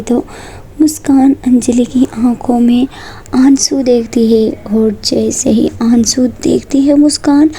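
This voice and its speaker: Soft-spoken woman storyteller, gravelly, dark tone. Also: on the high side, slight background noise. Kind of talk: romantic story narration.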